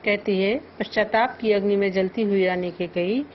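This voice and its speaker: A woman's voice: mid-range voice, fairly even intonation, moderate pace. A woman teacher explaining a classic poem line by line. She recites each verse and then paraphrases it in plain words. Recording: dull lo-fi audio with faint noise.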